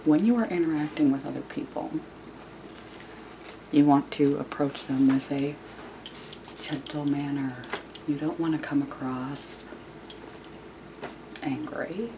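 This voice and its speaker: A woman speaking quietly in a hushed near-whisper, as if someone is asleep nearby, giving casual self-help advice in a halting, repetitive way. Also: deep voice. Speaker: video channel host. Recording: clearly noisy room recording.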